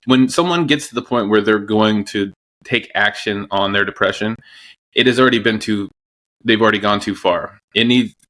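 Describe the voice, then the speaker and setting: A man's voice: lowish voice, moderate pace, a bit bright. A man hosting a podcast conversation, speaking in a thoughtful, affirming way. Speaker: podcast host.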